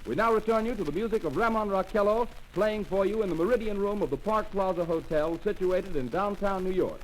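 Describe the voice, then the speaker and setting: A man's voice: sits high, brisk, natural voice, low-quality recording. A man reading formal network announcements and a news bulletin in a 1930s radio drama. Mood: urgent. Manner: formal, clipped bulletin delivery.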